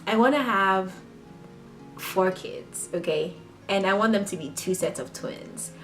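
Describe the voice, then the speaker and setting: A young woman raised in Ghana talks casually to a camera on her table, answering tag questions. She speaks straight to her viewers with laughing asides and a relaxed, friendly ease. Faint music plays behind her. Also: medium pitch, a little slow. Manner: chatty, laughing asides, addresses viewers as guys. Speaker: vlogger.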